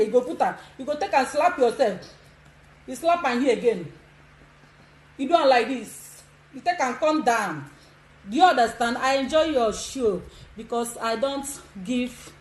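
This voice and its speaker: A woman's voice: high voice, reverberant, low-quality recording. A Nigerian woman giving frank casual advice, laughing often and demonstrating as she talks. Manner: bold, laughing, demonstrative, mixes pidgin. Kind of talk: casual instructional chat.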